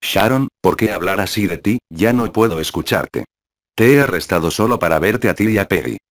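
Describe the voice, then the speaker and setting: A man reading the lines of a smug, shameless young man in an even, low voice. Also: normal speed, no room sound, studio quality.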